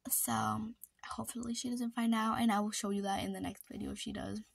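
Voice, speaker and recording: A woman's voice: mid-range voice, fairly even intonation, quick pace, creaky, breathy edge, dry recording. A woman chatting to camera, gossiping about her sisters in a dramatic, indignant way, full of "like", now and then dropping to a whisper for secrets. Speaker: vlogger.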